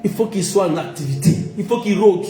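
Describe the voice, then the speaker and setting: Male pastor, high-pitched, emphatic repetitive sermon delivery, roomy echo. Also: expressive, brisk, warm tone, faint music behind. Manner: emphatic, repetitive, asks the congregation questions.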